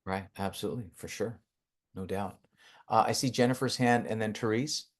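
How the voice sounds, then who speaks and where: A man facilitating a webinar on a video call, affirming what others say and calling on speakers in a measured way. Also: lowish voice. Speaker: workshop facilitator.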